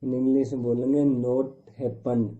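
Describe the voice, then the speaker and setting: Man slowly teaching words over a tinny line. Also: medium pitch, level tone, mellow. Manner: slow, repetitive listing of words with translations. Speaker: language teacher. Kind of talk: word-by-word vocabulary lesson. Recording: tinny phone-like recording.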